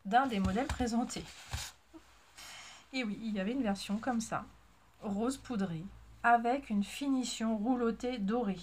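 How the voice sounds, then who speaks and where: A woman's voice: medium pitch, a little mellow. Lady rambling away to the camera, lots of euhs, laughs at herself. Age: adult with a child. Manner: chatty, rambling, self-mocking, many fillers. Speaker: sewing and knitting vlogger. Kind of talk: casual chat to camera.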